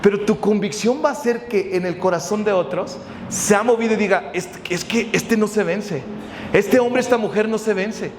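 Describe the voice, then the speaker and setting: A pastor preaches with passion in a fairly high voice. His words ring out with a long reverb in a church hall. A faint murmur of room ambience sits behind him. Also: moderate pace, darkish tone, a little hiss or hum. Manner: passionate, tells a personal story, says "¿verdad?" often. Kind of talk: sermon.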